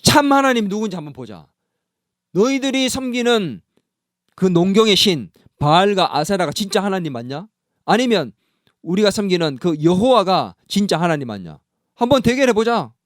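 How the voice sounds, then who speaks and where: A man's voice: fairly high pitch, sing-song, normal speed, long pauses, dry recording, clean studio sound. A man preaching, voicing a bold male prophet who challenges and taunts rival priests in a raised voice. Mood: challenging.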